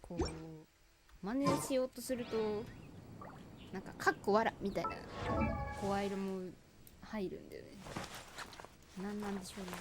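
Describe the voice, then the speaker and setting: A woman's voice: mid-range voice, unhurried, pauses often, heavy background noise. A young adult woman streaming a game with chatty, giggly commentary, often echoing the game's lines. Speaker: VTuber streamer. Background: game music.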